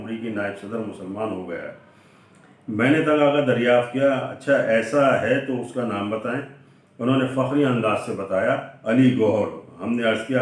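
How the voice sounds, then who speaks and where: A man reading aloud a humorous prose sketch in a measured storytelling manner, slipping into quoted dialogue as he goes. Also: fairly low pitch. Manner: measured storytelling delivery, voicing quoted dialogue within the narration. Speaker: reader of a humorous essay. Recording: very echoey room, voice from far off the mic.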